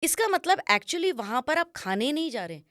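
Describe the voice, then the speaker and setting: Woman, interview guest, image consultant; higher-pitched, instructive delivery, close dry mic. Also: sing-song, normal speed, a bit bright, dry recording. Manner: instructive, mixes English phrases into Hindi. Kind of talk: explanatory interview answers.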